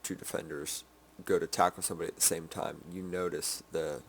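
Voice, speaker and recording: Sleepy low gravelly-voiced man. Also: little pitch movement, slight background noise. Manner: halting, many ums and restarts. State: sleepy, yawning. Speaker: game developer. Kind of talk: casual dev update.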